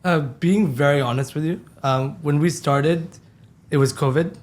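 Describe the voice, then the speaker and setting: A man's voice: fairly high pitch, moderate pace. A man from Dubai, a guest on a casual podcast, speaking candidly and loosely and swearing casually. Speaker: podcast guest, company co-founder.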